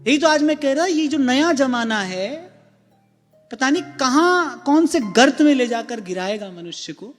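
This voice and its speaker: A man with a very high voice gives a slow, gentle devotional talk and keeps turning to his listeners with questions. His voice carries a long hall echo, with soft music playing behind it. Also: expressive. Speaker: spiritual discourse speaker. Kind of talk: devotional discourse.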